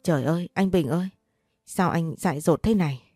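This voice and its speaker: A woman's voice: fairly low pitch, fairly quick, darkish tone, husky, no echo, clean studio sound, soft background music. A woman reading as an urgent neighbor man. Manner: urgent commands. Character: alarmed neighbor man, taking charge.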